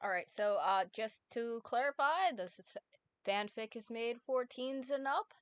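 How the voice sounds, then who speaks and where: A woman hosts a casual stream, giggling often and swearing playfully as she chats and reads a story summary aloud. Her fairly high voice is clear and resonant, with a measured pace. There is no echo.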